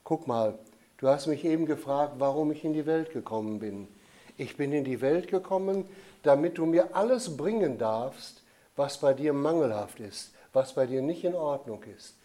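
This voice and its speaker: A man doing a soft, gentle holy child. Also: normal speed, lightly acted. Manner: soft, low, calm and explaining.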